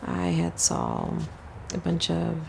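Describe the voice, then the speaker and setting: A middle-aged mother speaking softly and reflectively in a documentary interview. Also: on the low side, huge pitch swings, slow, creaky, background noise.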